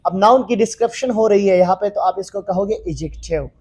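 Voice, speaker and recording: This man's voice is high, a little mellow and slightly rough. He mixes Hindi and English while teaching English grammar, moving slowly, restating his points and leaning on frequent fillers.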